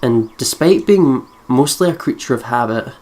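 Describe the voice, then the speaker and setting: The Scottish host's voice rumbles low with a darkish tone, expressive and moderately paced. She chats loosely and swears while playing, laughs a lot, and reads the game's text aloud between comments.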